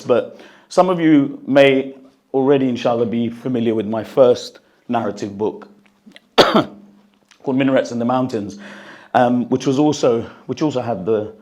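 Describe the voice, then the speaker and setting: Still recovering from losing his voice, a man from the United Kingdom speaks croakily to a gathering in a hall, holding a handheld mic, before reading a passage from his book. His tone is earnest and reflective, with occasional coughs, and his voice is mid-range and a touch mellow.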